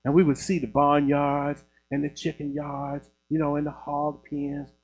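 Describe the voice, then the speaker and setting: High-voiced man preaching casually. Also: a little slow, low-quality recording. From Chicago, USA. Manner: animated, conversational preaching with laughs. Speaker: minister. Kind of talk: sermon. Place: church building.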